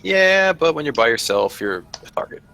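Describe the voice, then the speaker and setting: A man playing a tabletop game online, joking, animated and given to swearing. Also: mid-range voice, fairly quick, creaky. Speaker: player. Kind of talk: tabletop role-play chat. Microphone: online voice chat.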